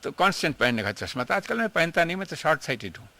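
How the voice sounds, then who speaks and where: A man's voice: on the high side, big pitch swings, rapid-fire, creaky, sharp tone. An older man recalls his years with his guru in an interview, telling the story in an earnest, emotional way. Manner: emotional, earnest storytelling, mixing in English phrases. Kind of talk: reminiscing interview.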